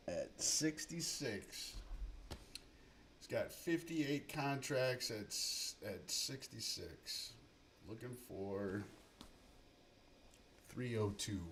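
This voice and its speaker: On his live trading stream, a day trader keeps up a profane, mumbling running commentary. He has a mid-range voice, with slight background noise.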